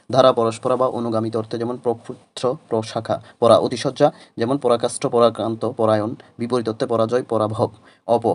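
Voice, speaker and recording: Guy reading grammar examples in a flat monotone, mid-pitched. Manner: flat listing of words and meanings. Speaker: grammar teacher.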